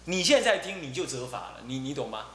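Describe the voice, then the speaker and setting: A middle-aged man, giving a Buddhist dharma talk as abbot and telling stories in a lively way, often repeating his fillers. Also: medium pitch, fairly quick. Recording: roomy echo with faint hum.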